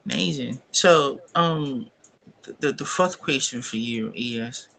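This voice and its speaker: A man's voice: medium pitch, slow, gravelly, bright, forceful tone, slight background noise, low-quality recording. A man hosting an interview who rambles a little, filling his questions with "you know" and repeated words. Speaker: interview host.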